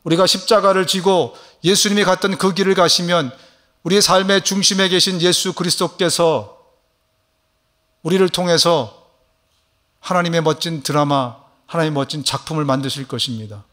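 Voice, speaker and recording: A man's voice: a little high, a bit bright. A man preaching a sermon as a church pastor, emphatic, often asking the congregation questions. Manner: emphatic preaching, voices Jesus' questions slowly; asks the congregation questions, affirming 'ye'. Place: church sanctuary.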